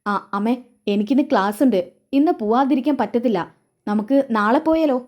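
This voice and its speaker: A woman's voice: on the high side, moderate pace, lo-fi sound, natural voice. A woman reading the lines of a weary young male college student arguing with his mother.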